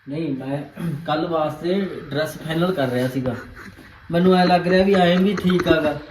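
A young man with a Punjabi accent chatting casually and jokingly with friends in an animated, teasing manner. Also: fairly high pitch, moderate pace, roomy sound, noisy background. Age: young adult. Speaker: vlogger.

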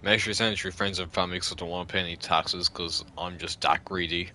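Male game streamer, drunk, crude and rambling, low bright-edged voice, profanity-heavy casual chat. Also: steady tone, quick pace. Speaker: live streamer playing a video game. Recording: background noise with game ambience.

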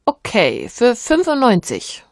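A woman's voice: fairly high pitch, slow pace, dry recording, full character voice. An actress playing a woman selling a pram in a scripted textbook dialogue recorded in a studio. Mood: firm selling. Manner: clear, even-paced speech. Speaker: seller.

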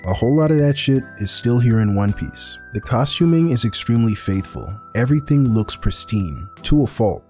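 A man's voice: fairly low pitch, darkish tone. A young man narrating a scripted video essay in a dry, sarcastic way.

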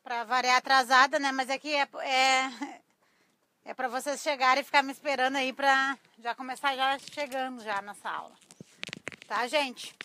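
A middle-aged Brazilian woman speaks in a thin, reedy voice that sits high and has a sharp, slightly cracked edge. She chats informally to her viewers, like a craft teacher running a relaxed live class. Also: normal speed, no room sound. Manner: chatty, informal, often addressing viewers. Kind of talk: casual live-stream tutorial chat. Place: small cluttered craft workshop indoors. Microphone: clip-on lapel mic.

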